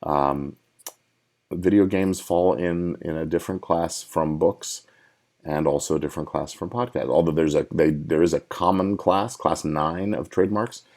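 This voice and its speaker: A middle-aged man, a podcast host who works as an entertainment lawyer, gives casual live legal advice in a deep, slightly mellow voice at a moderate pace. He talks conversationally, thinking aloud and restarting his sentences as he goes.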